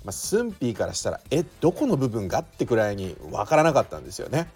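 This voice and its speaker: A man's voice: lowish voice, sing-song, fast talker, breathy edge, soft background music. A man with a Shizuoka accent hosting a solo podcast in a chatty way, often drawing out filler sounds. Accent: Shizuoka Japanese. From Shizuoka, Japan. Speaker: podcast host.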